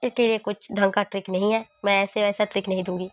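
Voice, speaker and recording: A woman's voice: mid-range voice, little pitch movement, fast talker, dry recording, dull audio. A woman teaching a lesson, patiently explaining memory tricks and repeating key points. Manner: patient, repetitive, coaching.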